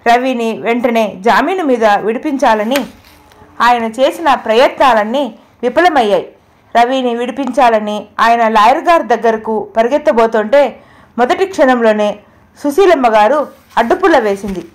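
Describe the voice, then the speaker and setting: A woman reading an audio novel as narrator, in an even storytelling manner. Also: on the high side, normal speed. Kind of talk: scripted narration.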